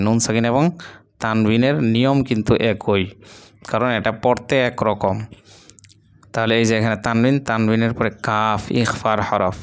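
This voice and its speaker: Patient man teaching recitation slowly. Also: lowish voice, smooth. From Bangladesh. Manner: patient, repeats syllables slowly, drawls long vowels. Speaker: Quran reading teacher. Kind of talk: step-by-step recitation lesson.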